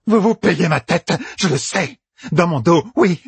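A man doing a shrill enraged tyrant woman. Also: animated, brisk, husky, dry recording, full character voice. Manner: shrill, haughty, shouting. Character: furious tyrannical older woman, imperious ruler.

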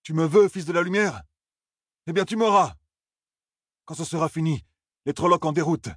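A man's voice: fairly high pitch, normal speed, fairly bright tone, dry recording, studio quality, voice pushed up. A man voicing a defiant, weary young male village leader in a fantasy story. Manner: defiant, challenging.

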